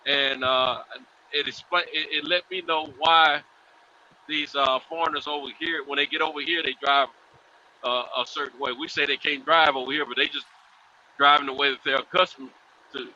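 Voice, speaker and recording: A man's voice: medium pitch, steady tone, normal speed, pushed and bright. A man calling in over buzzy call audio that keeps breaking up, chatting casually with loose, slangy talk and lots of fillers. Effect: buzzy, glitchy call audio that breaks up. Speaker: remote caller in a group chat. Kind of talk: casual chat. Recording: muffled call line with faint hiss.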